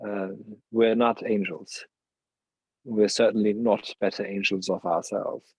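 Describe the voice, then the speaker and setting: Man, philosopher guest, husky voice, dry close sound, halting restarts. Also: lowish voice, little pitch movement, no room sound, poor audio. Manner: searching, halting phrasing with many restarts and laughs. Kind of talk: reflective interview conversation.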